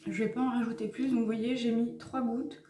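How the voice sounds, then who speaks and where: A woman's voice: on the high side, level tone, brisk, roomy sound, background noise. A woman talking through a makeup tutorial in a casual, hesitant way with many fillers. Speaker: makeup vlogger.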